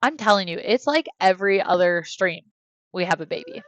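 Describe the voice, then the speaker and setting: With a medium-pitched voice that swoops wildly and a slightly fast pace, a thirtysomething American woman chats while streaming a life-sim game from her home room. She rambles and hesitates, using many fillers and addressing her kids between points. The sound is lo-fi.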